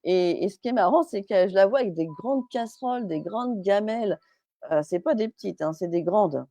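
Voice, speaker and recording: A woman's voice: mid-range voice, animated, normal speed, dark tone, no room sound. A woman medium on a live stream, chatty and hesitant, with many fillers and restarts, relaying messages as quoted speech.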